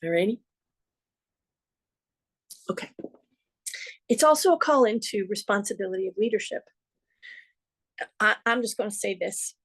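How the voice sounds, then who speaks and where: A woman's voice: medium pitch, lively intonation, normal speed, pauses often, a bit bright. A middle-aged woman hosting an astrology forecast, talking earnestly and conversationally with playful asides. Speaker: astrologer host.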